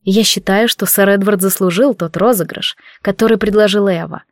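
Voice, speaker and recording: Lady reading a calm young maid, quiet and restrained, dry close mic. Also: mid-range voice, brisk, no echo, natural voice. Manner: quiet, restrained, soft-spoken.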